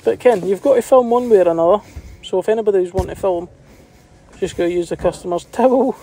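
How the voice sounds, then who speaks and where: A man's voice: high-pitched, creaky, a little mellow. A man with a Scottish accent, a plumber narrating his video in a chatty, colloquial and self-deprecating way.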